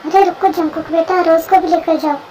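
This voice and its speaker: A high young voice plays a bossy but doting middle-aged mother in a homemade story and speaks firmly and commandingly. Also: steady tone, brisk, dark tone, a little hiss or hum, rough recording. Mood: coaxing.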